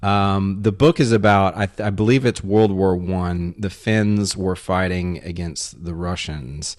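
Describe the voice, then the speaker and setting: A man co-hosting a podcast, telling rambling, animated anecdotes in casual chat. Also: low-pitched, a little slow. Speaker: podcast co-host.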